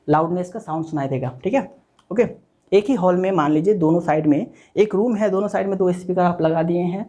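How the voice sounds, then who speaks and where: The darkish, mid-range voice belongs to a teacher giving a step-by-step physics lecture recorded for online viewing. There's plenty of repetition of key points, frequent "okay" check-ins, and English technical terms blended into the explanation.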